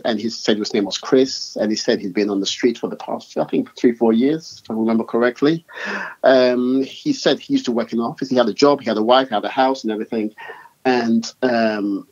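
A man's voice: medium pitch, darkish tone. Middle-aged London man, guest, meandering storyteller, slightly muffled call audio. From UK and Ghana. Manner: rambling, self-correcting storyteller. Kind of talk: casual interview chat.

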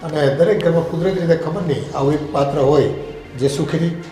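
A middle-aged man playing a patient father-in-law who calmly gives advice. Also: a little high, a little fast, faint music behind, lightly acted. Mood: advising. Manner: calm, advising. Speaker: father-in-law in family drama. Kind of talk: Gujarati family drama acting. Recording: echoey room.

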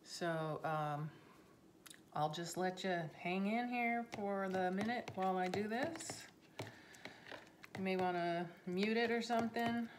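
Cooking at home, a woman in her fifties who works as a health coach demonstrates a recipe in an easygoing, unhurried way, chatting while she works. She speaks in a mid-range voice into a counter-mounted phone or camera, with slight background noise.

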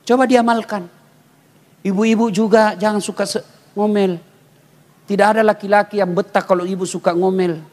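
A man from Makassar giving a humorous sermon, telling animated stories with jokes and loud exclamations. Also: high voice, normal speed, long pauses. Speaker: preacher. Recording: long reverb in a hall.

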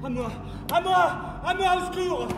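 An actor playing a panicky, miserly rich man in a live stage comedy, talking in a shrill, frantic way. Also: normal speed. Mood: panicked. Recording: roomy theater stage with music.

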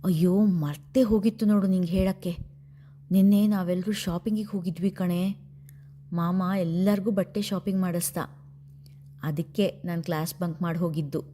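A woman's voice: fairly low pitch, fairly even intonation, normal speed, warm tone, slight background noise, lightly acted. A woman voicing a cheerful, chatty young female college student, bubbly and eager.

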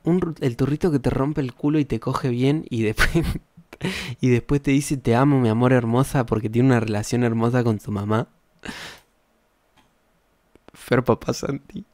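A man's voice: medium pitch, normal speed, pauses often, darkish tone, no echo. Sarcastic young Argentine streamer man. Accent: Rioplatense Spanish. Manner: rambling, sarcastic, swears often, laughs at own jokes. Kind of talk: casual chat reacting to tweets.

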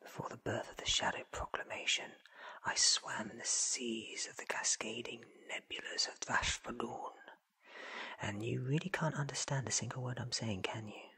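A man's voice: mid-range voice, steady tone, normal speed, creaky, sharp tone, husky, full character voice, low-quality recording. A man in his thirties playing an eccentric, curious, ancient alien time traveller, theatrical and wordy, in a close-miked ASMR roleplay. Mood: stern, boastful. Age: 30s. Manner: theatrical, wordy, self-assured. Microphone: close sensitive microphone.

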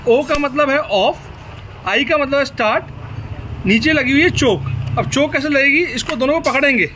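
A young man with a very high voice walks viewers through a machine demonstration step by step. He was recorded outdoors, and clear background noise sits under his speech. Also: normal speed. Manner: explaining step by step, addressing viewers directly. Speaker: product demonstrator. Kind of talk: hands-on product demonstration.

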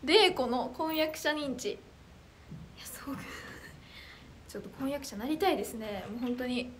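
A young woman hosting a casual livestream and answering her viewers' comments. Her voice is high and anime-like, loud and clear enough to carry easily. She reacts to each comment in a bubbly, excitable way. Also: measured pace, a little hiss or hum.

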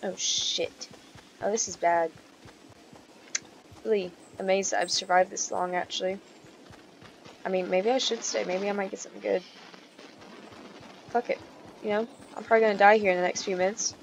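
A woman's voice: mid-range voice, fairly even intonation, normal speed, creaky, pauses often, a little hiss or hum, rough recording. A young woman casually commenting on her gameplay, chatty and easily startled, swearing often. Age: young adult. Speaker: gaming channel host.

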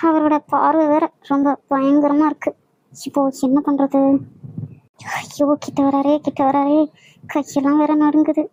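A woman's voice: high-pitched, flat delivery, measured pace, a little mellow, a little hiss or hum, rough recording. A woman voicing a timid young college girl with childlike speech and a Kanyakumari Tamil accent, nervous and stammering. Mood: anxious.

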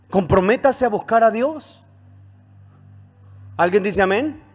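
A male pastor preaching a sermon, throwing rising questions to the congregation and calling for amens. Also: high voice. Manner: preaching with call-and-response, rising emphatic questions.

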